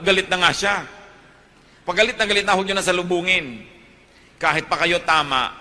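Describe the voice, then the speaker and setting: A man's voice: a little high, sharp tone, in a large hall. A Filipino man preaching a sermon, moving between Tagalog and English and building to emphatic peaks.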